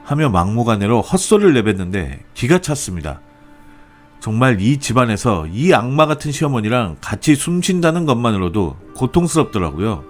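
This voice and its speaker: Man, expressive story narrator, mid-pitched, animated, faint music behind. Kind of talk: first-person story narration.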